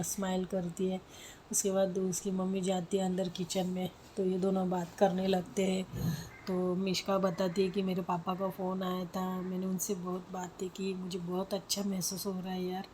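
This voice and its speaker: A woman's voice: lowish voice, dark tone, slight background noise, poor audio. A woman casually narrating a story in a rambling way, with frequent fillers.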